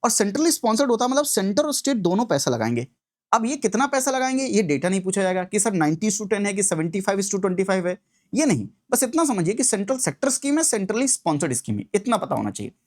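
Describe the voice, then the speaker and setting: A man teaching an exam-prep lesson who switches between Hindi and English. He asks questions and answers them himself, and slows down to read quoted question text. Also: sits high, big pitch swings, a little mellow. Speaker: exam coach.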